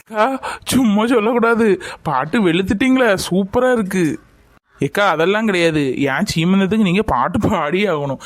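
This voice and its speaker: A man plays an emotional pregnant young woman in a homemade family skit. The voice sits high and sounds close and dry. She talks in a grateful, pleading way. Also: normal speed, dry recording, lightly acted.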